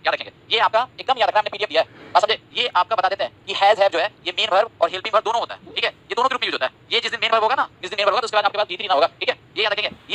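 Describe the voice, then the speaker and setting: A man teaching English grammar in a live online class. He reads out viewers' comments, repeats phrases again and again, and keeps checking whether his students understand. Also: poor audio. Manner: repeats phrases, asks "samajh rahe ho" often; drops to a low, soft voice when apologizing. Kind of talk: live-streamed class, reading chat comments.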